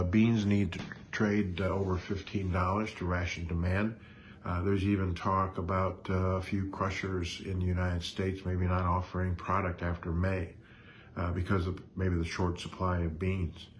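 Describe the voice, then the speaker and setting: Male market commentator, deep voice, hesitant stop-and-start delivery, some background noise. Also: level tone. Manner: halting, hesitant delivery with frequent pauses.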